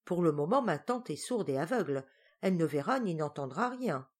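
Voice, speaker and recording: A woman reading aloud voices a playful young girl in love, bright and teasing in her speech. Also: deep voice, sing-song, moderate pace, husky, full character voice. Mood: lively. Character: eager young Dutch maiden, playful.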